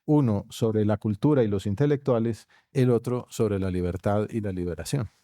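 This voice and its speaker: A Colombian man lecturing at a university conference, steady and measured, now and then slipping into quieter asides. His voice is dark and mellow. The sound is dry and close, with no room echo. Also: lowish voice. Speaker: conference speaker. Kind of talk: academic lecture. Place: university auditorium.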